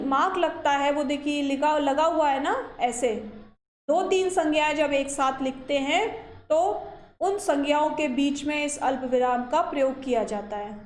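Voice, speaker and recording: A woman teacher giving a grammar lecture, explaining step by step and checking in often with her listeners. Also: high voice. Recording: echoey room.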